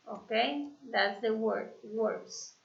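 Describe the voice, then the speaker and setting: Woman teacher, slow, patient explanations with fillers, gravelly, echoey lo-fi sound. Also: fairly high pitch, fairly bright tone. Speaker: English teacher. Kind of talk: online class review.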